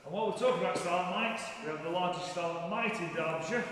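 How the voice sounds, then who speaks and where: High-voiced cave guide, heavily echoing. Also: male voice, fairly bright tone, slight background noise. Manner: explanatory, echoing cave-guide delivery with deliberate pauses. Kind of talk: guided cave tour commentary to a group. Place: inside a large show cave. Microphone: camera among the visitors, away from guide. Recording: echoey cave, distant mic, group chatter.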